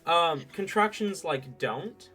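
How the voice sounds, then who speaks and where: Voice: mid-range voice, animated, slow pace, pushed and bright, soft background music. A game master on a live tabletop stream, patiently explaining rulings with hesitant restarts. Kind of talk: rules ruling in casual live game chat.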